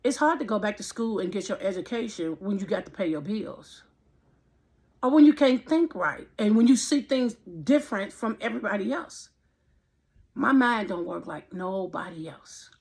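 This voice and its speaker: A woman in her fifties with a gravelly, husky voice gives a heartfelt personal faith testimony. She talks in a preacherly way and circles back to the same phrases again and again. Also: medium pitch, expressive, moderate pace, darkish tone. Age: 50s. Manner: impassioned, repeats phrases, preacherly. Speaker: vlogger.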